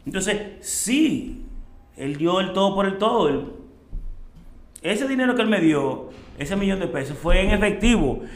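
Animated Dominican man in an echoey room. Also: sits high, unhurried. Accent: Dominican Spanish. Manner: animated, acts out quoted voices, emotional. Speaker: chef and restaurant owner, guest. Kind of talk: casual storytelling interview.

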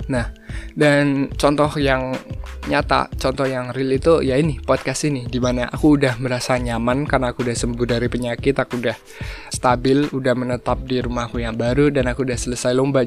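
A young man hosting a casual solo podcast, talking in a relaxed way and slipping in English phrases. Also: medium pitch. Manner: relaxed, mixes English phrases, frequent fillers. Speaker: podcast host.

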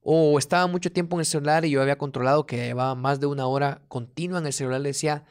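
A man co-hosting a casual conversation with his partner, explaining things calmly and listing examples. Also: a little high, rapid-fire, smooth. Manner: calm, explanatory, lists examples. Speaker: podcast co-host.

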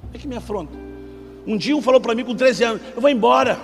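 A middle-aged Rio de Janeiro preacher with a high, lifted voice, delivering a fervent sermon. He calls his listeners brother and drops to near-whispers before rising to loud outbursts. His words ring out with a long church-hall reverb and faint music underneath. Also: fast talker, gravelly. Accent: Rio de Janeiro Portuguese.

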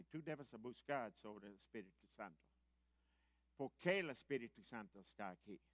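A middle-aged man preaching in a halting, Spanish, animatedly telling a personal testimony. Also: on the high side, no room sound. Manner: animated, acts out quoted voices, halting grammar.

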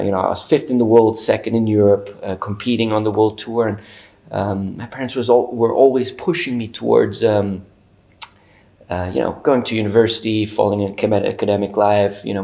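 A man's voice: on the low side, level tone, a little fast, gravelly, darkish tone. A man, a guest chatting casually in an interview, easygoing and full of fillers. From Portugal. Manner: easygoing, many fillers and restarts.

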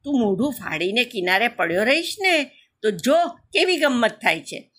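A woman's voice: a little high, big pitch swings, normal speed, fairly bright tone, pitched above the performer's own voice. A woman voicing a mother crocodile in a storybook who scolds and teases her cub. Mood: teasing. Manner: scolding, then teasing. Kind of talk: storybook narration.

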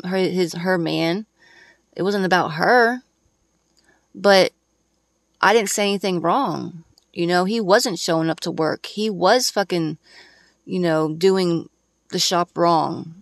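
A woman's voice: on the low side, vocal fry, no echo, clean studio sound. A woman hosting a podcast, delivering an angry, profane and emphatic ranting monologue. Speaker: podcast host.

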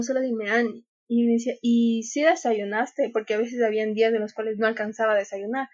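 A young scout leader talks as a podcast guest, her voice sitting a bit high. She tells her story in a chatty way and acts out the lines of the people in it. The recording sounds muffled and lo-fi. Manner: chatty, acts out quoted dialogue, frequent laughs. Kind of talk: casual interview storytelling. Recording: dull, lo-fi sound.

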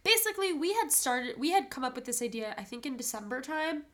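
High-pitched and fairly bright, her voice is expressive and fast. She's a young podcast co-host with a stuffy nose, laughing often as she tells stories in a relaxed conversation.

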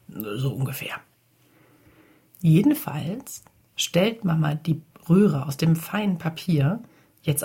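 A woman's voice: sits low, a little mellow, breathy edge. A woman narrating a children's story in a chatty, casual way, often turning to talk to the listeners. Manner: chatty, addresses listeners directly.

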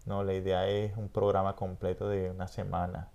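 Venezuelan male podcast host, middle-aged; low, gravelly, reflective talker. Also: monotone, moderate pace, warm tone. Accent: Venezuelan Spanish. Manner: reflective, rambling, frequent "¿entiendes?". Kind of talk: casual conversation.

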